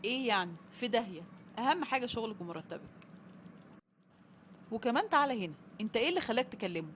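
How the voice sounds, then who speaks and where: Woman reader doing a sharp-tongued Egyptian mum, scornful, quick, faint hiss. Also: fairly high pitch, animated. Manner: scornful, bossy. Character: meddling Egyptian mother, bossy and sharp-tongued.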